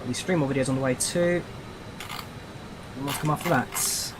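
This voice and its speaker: Male livestreamer, casual gameplay commentary, middle pitch, noisy ambient backdrop. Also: moderate pace. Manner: informal, thinking aloud. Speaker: flight simulator streamer. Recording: steady background noise, engine-like ambience.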